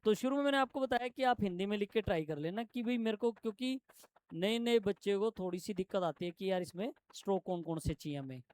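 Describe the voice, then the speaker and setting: A man teaching shorthand to a classroom, explaining step by step and quizzing his students with quick questions. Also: sits high, expressive, darkish tone, smooth. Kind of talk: classroom lesson.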